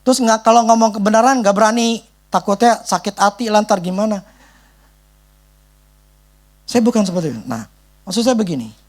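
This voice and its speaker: A man's voice: high voice, expressive, brisk, pauses often. A male pastor preaching a sermon in an emphatic, conversational way, leaning on casual tags. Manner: emphatic, conversational, repeats "gitu loh".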